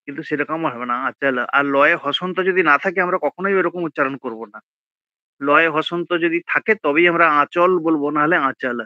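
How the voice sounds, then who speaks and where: An older man teaches informally in a slightly raised voice, pausing often with fillers and letting phrases fade softly. He slows down to spell out each pronunciation with care. The sound is dry and muffled, like a lo-fi video call. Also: a little high, dry recording. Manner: hesitant, many fillers, drops to a soft trailing voice. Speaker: Gita and Sanskrit teacher. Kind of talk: informal online lesson.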